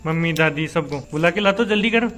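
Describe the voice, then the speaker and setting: A young man filming a casual family vlog, chatting and teasing children loudly as he goes. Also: a little high, brisk. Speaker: vlogger.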